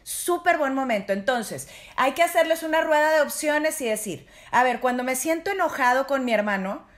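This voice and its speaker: Woman, middle-aged, high voice, parenting guest on a chat show. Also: expressive, normal speed. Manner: warm, explanatory, addresses parents directly. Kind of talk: casual advice talk.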